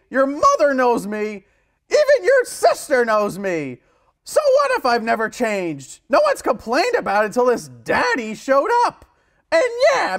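A man's voice: very high-pitched, fairly bright tone, exaggerated voice. A man voicing a cranky, indignant old kitchen sponge politician, whiny and melodramatic, in a comic mock debate.

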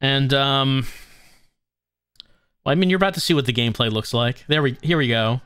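A man's voice: medium pitch, normal speed, fairly bright tone, clear, resonant tone. A man hosting a gaming video, chatting casually and musing as he plays. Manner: musing, conversational. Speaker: gaming channel host. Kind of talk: casual game commentary.

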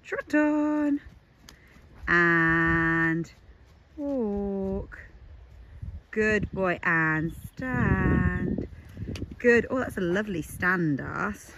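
A young woman, slightly hoarse from a recent illness, chatting casually while working her horse outdoors. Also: extremely slow, pauses often, a little hiss or hum, rough recording. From England. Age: young adult. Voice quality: softer than her usual voice. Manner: chatty, coaxing horse commands, lively pitch. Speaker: horse owner vlogging.

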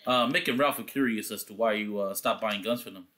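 A man's voice: on the low side, brisk, pushed and bright. A man hosting a let's play, thinking aloud in slangy, rambling, casual commentary. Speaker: gamer, let's play host.

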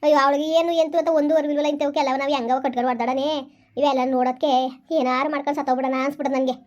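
A woman's voice: high voice, flat delivery, racing, darkish tone, natural voice. A woman playing a weary, lamenting village mother-in-law. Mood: bitter, despairing. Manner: lamenting, repeats her complaints. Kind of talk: village family drama.

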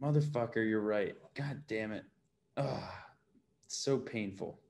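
A business owner in his thirties seeks advice on a one-on-one video call, asking questions in a casual, informal way from a bright room at home. His voice is lowish and darkish in tone, at a measured pace.

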